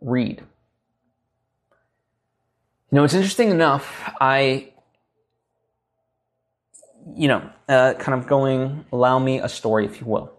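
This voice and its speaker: A man's voice: medium pitch, takes it slowly, pauses often. A young man hosting a podcast, explaining writing advice in a loose, rambling way with many restarts. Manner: rambling, full of fillers and restarts. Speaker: podcast host. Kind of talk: casual teaching talk.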